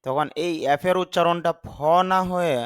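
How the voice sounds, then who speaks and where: A man's voice: a little high, moderate pace, fairly bright tone, clear, resonant tone, no room sound. A man, a Bengali speaker, teaching English vocabulary in a patient step-by-step lesson and spelling words out sound by sound.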